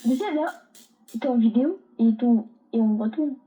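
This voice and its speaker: A woman playing a game alongside a friend, teasing and relaxed in casual chat. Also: fairly high pitch, normal speed, soft background music. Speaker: co-player.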